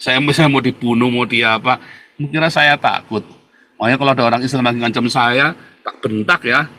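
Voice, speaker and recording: A man's voice: medium pitch, fairly quick, bright, forceful tone. A man in his forties from Indonesia, delivering an emphatic, repetitive and defiant monologue to his viewers, laughing now and then. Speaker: vlogger. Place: abroad, not the pictured home country.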